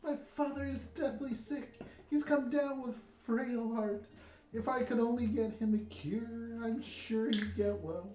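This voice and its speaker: A woman's voice: fairly high pitch, unhurried, warm tone, recorded from a distance, lightly acted. A woman voicing a shy young woman who timidly pleads for help in a tabletop game. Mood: worried pleading. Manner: timid, imploring. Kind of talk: tabletop game role-play. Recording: echoey room.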